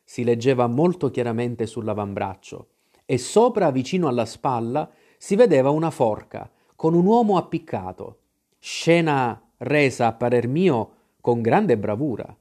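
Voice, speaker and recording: A man's voice: medium pitch, expressive, measured pace, warm tone. A man reading an adventure story aloud in dramatic storytelling narration. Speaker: audiobook reader. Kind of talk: scripted narration.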